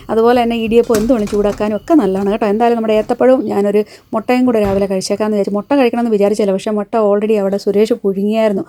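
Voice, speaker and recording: A woman's voice: mid-range voice, warm tone, slight background noise. A woman vlogging casually from her home kitchen, chatting eagerly to viewers and recommending products. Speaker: cooking and lifestyle vlogger. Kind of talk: casual vlog chat to viewers.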